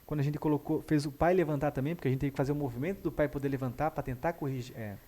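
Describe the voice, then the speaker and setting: A man, a guest therapist telling a story in a lively way and acting out the dialogue. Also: a little high, very fast. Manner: animated, acts out dialogue. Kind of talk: conversational storytelling.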